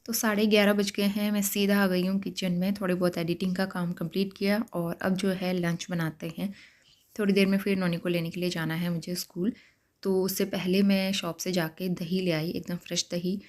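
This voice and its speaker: Vlog voice-over, woman, calm step-by-step narration, slightly low voice. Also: normal speed. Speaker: home vlogger.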